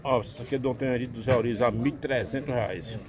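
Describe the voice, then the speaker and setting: A vlogger from Northeast Brazil strolls through outdoor cattle pens, filming on his phone as he casually chats to viewers and calls out prices. His medium-pitched voice is steady and fast, set against the crowd noise of a busy market.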